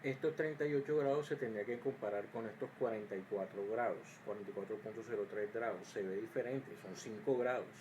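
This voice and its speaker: A man talks through an electrical circuits lesson in a mellow, relaxed voice, stopping on fillers and restarts as he explains. He sometimes drops into a quieter mutter while checking his own work. A faint hiss sits under the recording. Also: fairly low pitch, a little fast, hardly any pauses, poor audio. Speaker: engineering teacher.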